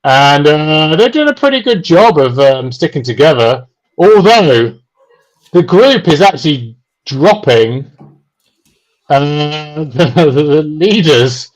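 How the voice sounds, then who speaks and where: A man giving relaxed, dry, chatty live commentary on a race, with many pauses and "um"s. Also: fairly high pitch, poor audio. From United Kingdom.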